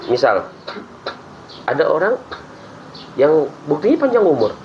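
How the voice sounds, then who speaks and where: A man who teaches religion, explaining Islamic ideas in a relaxed podcast chat and acting out prayers as he talks. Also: fairly high pitch, a little slow, slight background noise, poor audio. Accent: Indonesian. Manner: lively explaining with acted-out prayers and laughs.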